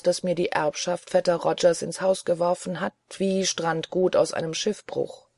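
An audiobook narrator reading a literary novel in first person, in a measured, earnest way. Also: medium pitch, darkish tone, no room sound.

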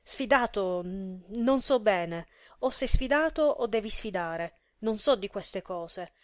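A woman reading aloud voices a furious, indignant wife who talks in a shrill, urgent, bossy way. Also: lively intonation, takes it slowly, no echo, clean studio sound. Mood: scolding.

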